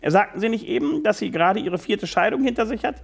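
Man playing a gruff, bossy theatre director. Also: high voice, animated, fast talker, voice pushed up, exaggerated voice. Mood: commanding. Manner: gruff, barking, impatient.

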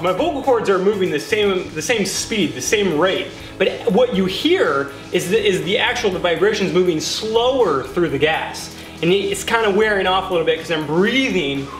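A man hosting a casual science demonstration, his voice made unnaturally deep by a dense gas, explaining excitedly. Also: reverberant. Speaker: science video host.

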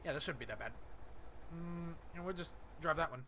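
A young man narrating his gameplay in a loose, off-the-cuff way, his voice sitting a little high for a man. He mutters menu options and reacts as he goes. Engine and vehicle noise from the game runs clearly behind him. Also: expressive, brisk, pushed and bright. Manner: casual, thinking aloud, reads menu items. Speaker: gaming channel host. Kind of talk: let's play commentary.

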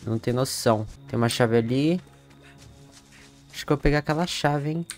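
A young Brazilian man streaming a horror game, chatting casually, swearing a lot and breaking into loud panicked yells. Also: mid-range voice, brisk, soft background music. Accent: Brazilian Portuguese. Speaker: gamer streamer. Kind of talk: live gameplay commentary.

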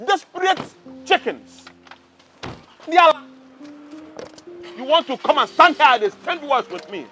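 An actor with a Nigerian accent playing a pompous, hot-tempered palace guard who is loud and scornful. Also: male voice, very high-pitched, big pitch swings, unhurried, soft background music, full character voice. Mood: angry scornful.

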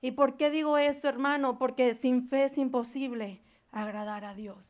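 A woman preacher giving a fervent sermon, pausing to search for words and building into loud exhortation. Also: high voice, steady tone, narrow, tinny audio. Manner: searches for words aloud, slips into English words.

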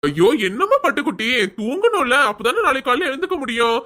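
A woman voicing a doting, soft-hearted young husband in a cartoon serial, coaxing and soothing with baby talk. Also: high voice, very animated, fast, a little hiss or hum.

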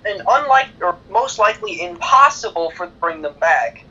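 A man's voice: high voice, expressive, moderate pace, sharp tone, slightly rough, lo-fi sound. A man joining a gaming session as a guest, chatting casually in a joking, playful way. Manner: joking, playful, silly interjections. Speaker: guest player. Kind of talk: casual gameplay chat.

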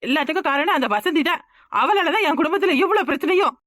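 A quarrelsome young village wife in a cartoon, played by a woman, pouring out her grievances. She talks high and quick in a stream of complaint. The recording is close and dry. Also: animated, fairly bright tone, no room sound. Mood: lamenting. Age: young adult. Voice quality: rapid, complaining talk. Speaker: cartoon character. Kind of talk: cartoon voice acting.

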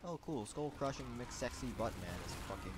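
A man giving casual, profane commentary while playing an online shooter, muttering to himself and then bursting out yelling. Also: mid-range voice, lively intonation, fairly quick, heavy background noise. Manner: profane, swinging from mutters to yelled outbursts.

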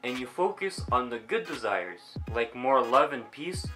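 A man's voice: medium pitch, lively intonation, a little slow, over music. A man hosting a vlog who narrates with comedy and punchy, jokey asides. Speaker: host.

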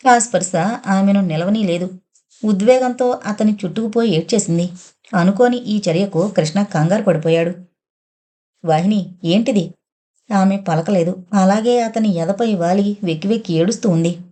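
Woman audiobook narrator, mellow, measured, steady storytelling. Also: mid-range voice. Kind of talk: scripted narration of a novel.

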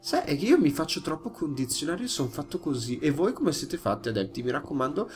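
Jumpy young Italian gaming commentator. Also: male voice, fairly high pitch, very animated, fast, over music. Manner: jumpy, yelps when startled, talks to viewers. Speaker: gaming YouTuber. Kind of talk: live gameplay commentary.

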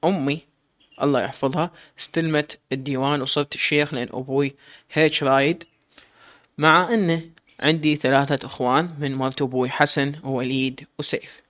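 A man's voice: medium pitch, steady tone, a little fast, a bit bright, no room sound, natural voice. A man voicing a proud sheikh, commanding and stern.

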